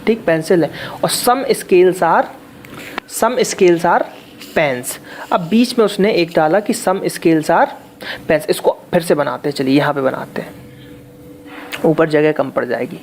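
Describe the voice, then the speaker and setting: A man's voice: fairly high pitch, unhurried, gravelly, slight background noise. A man teaching an exam-prep lesson step by step, explaining patiently, repeating key points and checking in often with the learner.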